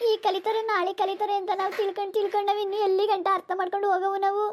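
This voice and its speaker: A woman's voice: extremely high pitch, level tone, rapid-fire, a little mellow, a little hiss or hum. A woman voicing a poor, weary village mother of four who pleads and reproaches, for a cartoon. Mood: pleading.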